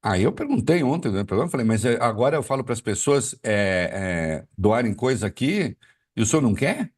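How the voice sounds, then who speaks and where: A male political commentator talking on a live show, arguing his point with rhetorical questions and plenty of fillers. His pitch swings widely, and he sounds a little far from the mic. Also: very animated, a little fast.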